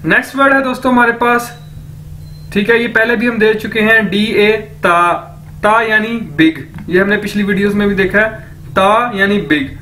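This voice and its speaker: A man teaching a recorded language lecture, repeating each word slowly for drilling. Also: sits high, sharp tone, a little hiss or hum. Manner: slow, repeats words for drilling.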